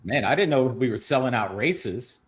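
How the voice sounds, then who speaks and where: A man of middle pitch, from Southern California, chats in a laid-back, teasing way on a livestream. He sounds relaxed and plain. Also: normal speed, husky. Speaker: livestream co-host. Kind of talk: casual livestream banter.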